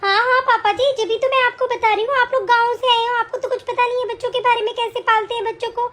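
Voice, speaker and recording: A woman's voice: very high voice, flat delivery, fast talker, a bit bright. A woman playing a demanding young mother who bosses her in-laws around, scolding and commanding in an amateur family drama. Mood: lecturing. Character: young mother daughter-in-law, bossy and demanding.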